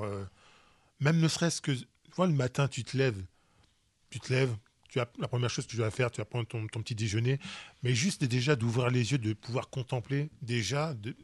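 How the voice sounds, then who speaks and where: Rich: A man guesting on a radio show, speaking earnestly about what matters to him. His voice sits at an average pitch and sounds close and dry, with no room around it. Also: dry recording. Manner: earnest, heartfelt, reflective. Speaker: guest musician. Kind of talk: studio interview. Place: radio studio.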